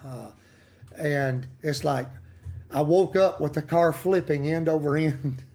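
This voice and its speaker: A man's voice: a little high, takes it slowly, dark tone. A middle-aged man preaching a casual daily devotional in a folksy, emphatic way, with laughs and asides to his listeners. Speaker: pastor giving a daily devotional.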